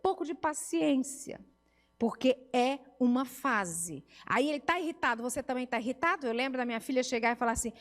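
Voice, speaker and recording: A middle-aged woman with a Brazilian Portuguese accent speaks as a family therapist at a church seminar. Her voice sits high, and it rings with the long reverb of a church hall. She teaches in a chatty way and slips into little scenes of home life. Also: expressive, a little fast. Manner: conversational teaching, acts out family dialogues.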